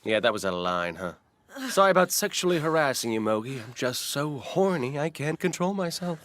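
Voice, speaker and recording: A man's voice: mid-range voice, big pitch swings, a little fast, fairly bright tone, slight background noise. A man playing a brash, girl-crazy, clownish teenage schoolboy in an English anime dub. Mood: teasing.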